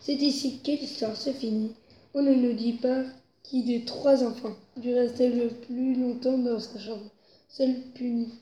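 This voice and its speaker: A woman reads a children's story aloud in a mellow, fairly high voice. Her telling is expressive and builds with the story's tension. The room around her is echoey, with faint background noise. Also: a little slow, lo-fi sound. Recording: roomy echo, faint noise.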